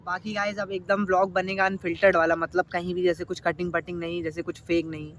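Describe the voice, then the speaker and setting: A teenage boy vlogs outdoors at night into a phone camera, talking fast in a high, fairly bright voice with little pitch movement. His unfiltered chat is crude, slangy, rambling banter.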